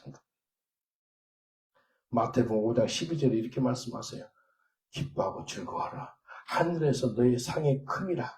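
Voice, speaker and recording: Gravelly-voiced pastor preaching. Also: male voice, on the high side. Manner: animated storytelling, swinging from loud to quiet; switches into simple English for quoted prayers and dialogue. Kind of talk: sermon with personal testimony.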